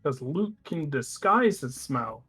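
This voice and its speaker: A man with a fairly high, bright voice plays a tabletop game at a slow pace, chatting casually over music. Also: big pitch swings, husky. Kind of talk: casual tabletop role-play chat.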